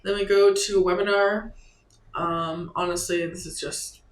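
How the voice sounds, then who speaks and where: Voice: mid-range voice, level tone. An online creator coaching viewers through a website setup in a casual screen-share tutorial, talking loosely and thinking aloud. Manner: loose and halting, thinking aloud while clicking through steps. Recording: echoey room with faint ambience.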